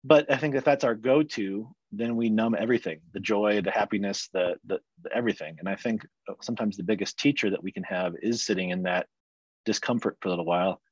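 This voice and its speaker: A man's voice: on the low side, a little fast, breathy edge, dry recording, muffled recording. A man who works as a counselor, talking frankly and reflectively in a casual podcast chat.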